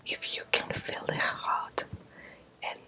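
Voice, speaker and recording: In a breathy whisper, a woman whose first language is Spanish gives an ASMR guided lesson in the role of a Reiki teacher. She speaks in short, halting phrases with long pauses, and her tone is sharp.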